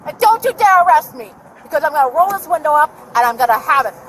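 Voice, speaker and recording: A woman living in her car argues with a deputy in a parking lot, agitated and rambling, shouting at times, recorded on a body camera. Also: high-pitched, animated, quick pace. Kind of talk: heated street argument. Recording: noisy outdoor bodycam audio.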